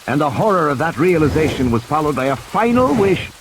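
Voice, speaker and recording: A man narrates a novel as an audiobook, delivering scripted, dramatic storytelling full of theatrical suspense over background sound effects. He sounds a little high and very animated, moving fairly quickly against a noisy background.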